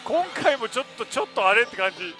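A man's voice: very high-pitched, sing-song, fast talker. A man co-hosting a game show, cheering and exclaiming in short reactions on a headset mic in a pachinko hall. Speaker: co-host. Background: game-machine music and faint hall chatter.

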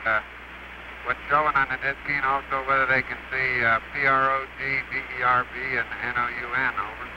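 A man's voice: mid-range voice, flat delivery, brisk. A man speaking from a spacecraft over a crackly space radio link, terse and clipped, with hesitant fillers in radio procedure. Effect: crackly, hissy space radio link. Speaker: astronaut in spacecraft. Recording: hissy lo-fi 1969 radio downlink.

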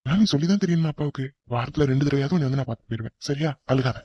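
A man voicing a gentle middle-aged father consoling his daughter in a cartoon family drama. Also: medium pitch, very fast, heavy background noise, close to an everyday voice. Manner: soothing, reassuring. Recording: dull, lo-fi dry sound.

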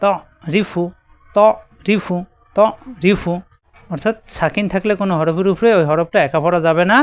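A man teaching Quran reading in a slow lesson, spelling each word out and saying it two or three times with stretched syllables. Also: high-pitched, smooth, no echo.

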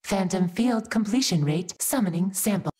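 A woman voicing a female computer system in a video game, giving flat machine announcements that throw errors and cut off mid-word. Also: medium pitch, normal speed, close to an everyday voice. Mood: monotone. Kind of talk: video game story scene voice acting.

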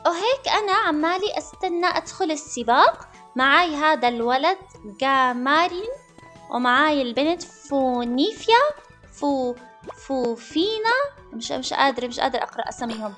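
A woman giving excitable, dramatic, playful commentary over her own gameplay. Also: sits high, a little fast, faint music behind. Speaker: gaming channel host.

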